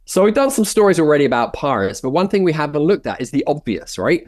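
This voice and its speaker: A man co-hosting a history show, speaking in an animated, jokey, theatrical way. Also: on the high side, quick pace, dry recording, clean studio sound. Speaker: co-host.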